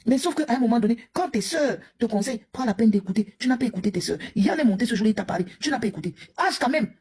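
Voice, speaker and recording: Woman streamer, very husky mellow voice, confrontational live rant. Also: on the high side. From Cameroon. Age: young adult to middle-aged, a mother. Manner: scolding, confrontational, addresses a rival directly.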